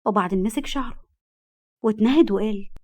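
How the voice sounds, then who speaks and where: A woman's voice: medium pitch, fast, warm tone. A woman with an Egyptian accent narrating a dramatized story and acting out its dialogue. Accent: Egyptian Arabic. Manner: acts out dialogue, heated in angry scenes.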